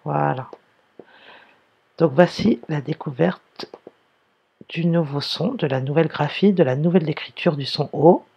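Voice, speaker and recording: A primary school teacher giving a slow, careful reading lesson to young pupils, sounding out and spelling words one by one. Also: medium pitch, gravelly, slightly rough, dull audio.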